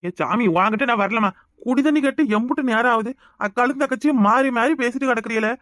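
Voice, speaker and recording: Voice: mid-range voice, fast talker, fairly bright tone, no echo, studio quality, close to an everyday voice. A performer voicing a bossy but caring middle-aged village uncle in a cartoon, with a Kanyakumari Tamil accent. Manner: bossy but affectionate, scolding. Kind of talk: cartoon voice acting.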